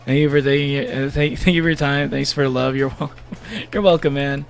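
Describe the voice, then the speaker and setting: A man with a medium-pitched, creaky voice keeps a steady tone and normal pace, with soft music in the background. He rambles to his viewers while gaming live, laughing often and repeatedly restarting and using fillers.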